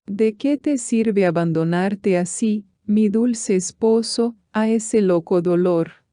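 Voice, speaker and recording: A woman's voice: mid-range voice, takes it slowly, dark tone, dry recording, studio quality, lightly acted. A woman reading the lines of a wife's ghost, in a solemn, consoling manner. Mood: solemn, tender. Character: ghost of a grieving young wife.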